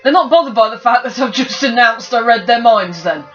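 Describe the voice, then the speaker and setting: A woman's voice: fairly high pitch, animated, brisk, fairly bright tone, recorded from a distance. A woman, a tabletop game player, cheeky and giggly. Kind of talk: casual chat around a tabletop game. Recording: dull lo-fi with music behind.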